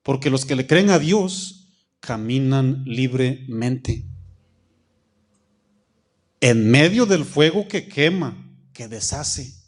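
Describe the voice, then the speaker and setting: A man, a pastor preaching a sermon, reading scripture slowly and calling out questions to the congregation. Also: mid-range voice, lively intonation. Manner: reads scripture slowly, stretching key phrases.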